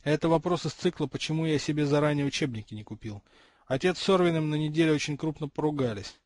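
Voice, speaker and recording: A man's voice: a little high, fast talker, no room sound, close to an everyday voice. A man voicing a well-off teenage wizard boy in an audiobook, chatty and explaining things in a confiding tone.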